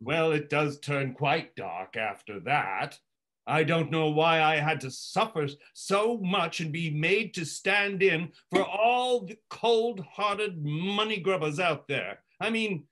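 An actor playing Scrooge, a grumpy, self-pitying old miser who complains slowly. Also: male voice, on the high side, pushed and bright, heavily acted. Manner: slow, self-absorbed complaining.

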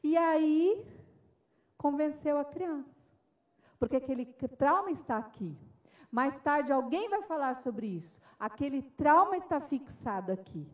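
High-voiced, emphatic Brazilian woman speaker. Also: expressive, measured pace, recorded from a distance. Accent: Brazilian Portuguese. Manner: emphatic, acts out dialogues in her speech. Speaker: forum speaker. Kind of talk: impassioned public talk. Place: event forum.

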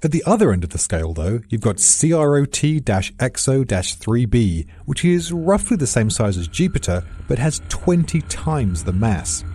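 A man's voice: medium pitch, sing-song, normal speed, hardly any pauses, warm tone, breathy edge. A British man reading a scripted science explainer in a dry, precise, lightly witty way. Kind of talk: scripted narration.

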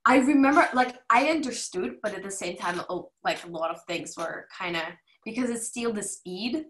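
A young woman from Russia talking as an interview guest, relaxed, with lots of "like" and "kinda". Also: medium pitch, normal speed, roomy sound, poor audio. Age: young adult. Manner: relaxed, many fillers like "like" and "kinda". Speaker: guest, former student. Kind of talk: casual interview chat.

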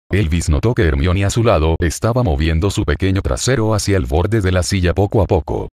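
A man with a deep, low voice reads a novel as an audiobook. His delivery is even and steady. The sound is dry and close, with no room around it. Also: no room sound. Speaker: narrator. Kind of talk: scripted audiobook narration.

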